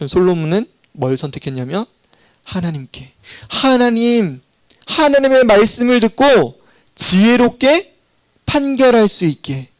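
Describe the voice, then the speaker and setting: A middle-aged man, a pastor, preaching a sermon in a church and telling stories with animated voices. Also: fairly high pitch, dry recording. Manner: animated storytelling, acting out voices in quotes. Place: church sanctuary.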